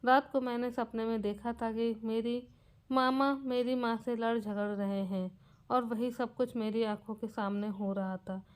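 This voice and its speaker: Smooth-voiced woman telling a story. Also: fairly high pitch, darkish tone. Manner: earnest and plainly paced, with small self-corrections. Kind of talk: first-person scripted story narration.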